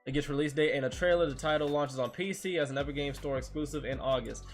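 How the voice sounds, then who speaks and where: A man's voice: fairly high pitch, quick pace, soft background music. A man hosting a casual gaming news podcast, reading out stories and joking in slangy banter. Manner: laid-back slangy banter, reads news items aloud. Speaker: podcast host.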